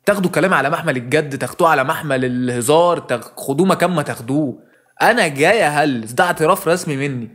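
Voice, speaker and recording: A man's voice: a little high, a bit bright. A man with an Egyptian Arabic accent ranting in a comic monologue, with curses he cuts off mid-word. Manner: rapid exasperated ranting with clipped-off curses. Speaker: comedy video host.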